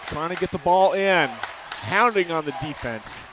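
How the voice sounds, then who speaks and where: A young man doing color commentary at a high school basketball game, jokey and quick to exclaim. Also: expressive. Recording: loud crowd and gym noise.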